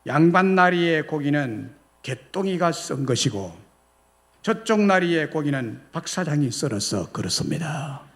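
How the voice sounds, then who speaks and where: Curt butcher, voiced by a preacher, blunt, dry. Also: male voice, on the high side, big pitch swings, unhurried.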